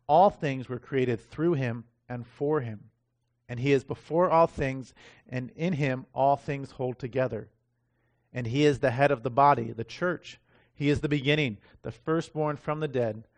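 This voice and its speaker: A man in the role of pastor speaks into a pulpit microphone with a measured, earnest delivery. His voice sits in a middle register and sounds dry and close, with almost no room echo. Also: mid-range voice. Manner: measured, earnest preaching to a seated congregation. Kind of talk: sermon with scripture reading and prayer. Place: church sanctuary.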